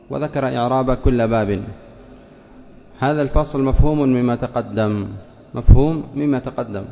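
A man's voice: mid-range voice, creaky. A man teaching a grammar class who questions students by name and repeats their answers. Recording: dull lo-fi sound with long hall reverb.

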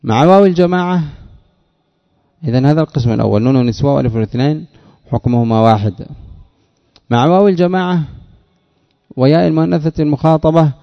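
A man teaching a grammar lesson, asking questions and answering them himself and repeating key words slowly. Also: fairly high pitch, animated, gravelly. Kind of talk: Arabic grammar lesson explaining a text. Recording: dull lo-fi recording.

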